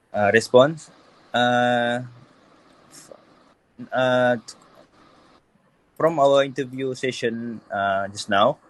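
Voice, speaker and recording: A young Malaysian-accented man asks interview questions at a slow pace. He hesitates often, filling gaps with "uh" as he searches for words. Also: medium pitch, rough recording. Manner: hesitant, many fillers. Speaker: student interviewer. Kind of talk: casual student interview.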